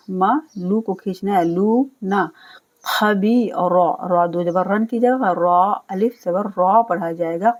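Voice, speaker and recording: A woman teaching Quran recitation, spelling out letters and vowels, then chanting each word slowly and drawn out, with patient explanations. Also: mid-range voice, a little mellow. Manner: explains rules patiently, often checks with a quick "okay". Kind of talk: step-by-step recitation lesson.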